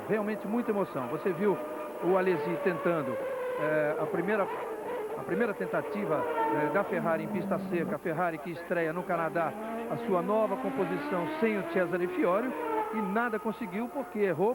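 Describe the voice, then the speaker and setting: Man, Brazilian accent, high voice, live motorsport commentary, halting short phrases, heavy buzzing engine noise. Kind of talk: live TV motor racing analysis. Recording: loud engine drone, old TV broadcast. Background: loud buzzing racing car engines.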